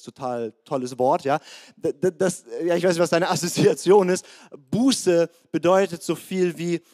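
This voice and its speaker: Lively German-speaking male preacher. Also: fairly high pitch. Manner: lively, direct address to the congregation. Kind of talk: sermon. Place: church service.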